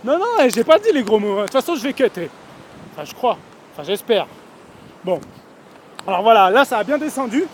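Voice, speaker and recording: A young man with a notably high voice rambles through a mock-serious street report at night. He contradicts himself and swears, then backpedals. The sound comes from a handheld phone outdoors, with a faint rush of river noise behind him. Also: very animated, a little fast, pauses often. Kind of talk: rambling comic monologue. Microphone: phone held in hand.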